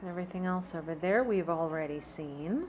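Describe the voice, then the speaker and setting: A woman's voice: fairly low pitch, moderate pace, darkish tone, soft background music. Chatty woman browsing a store. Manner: chatty, reads out prices while browsing. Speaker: shopping vlogger. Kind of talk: casual shop-with-me narration. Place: inside a large store.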